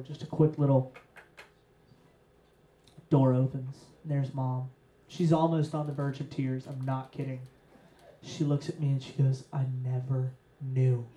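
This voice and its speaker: A young man telling a profane, deadpan personal story as a stand-up comedian. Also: on the high side, slight background noise. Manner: profane, deadpan build to punchlines. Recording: roomy echo.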